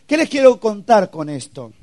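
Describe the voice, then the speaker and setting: A man's voice: sits high, very animated, normal speed, darkish tone. A young man preaching a personal testimony at a youth camp, telling his story with emotion and acted-out sound effects. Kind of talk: testimony sermon.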